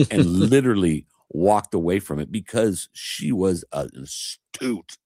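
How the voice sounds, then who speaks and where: A man's voice: sits low, animated, unhurried, dark tone, dry recording. A man chatting casually as a host, an emphatic, rambling storyteller. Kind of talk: casual chat.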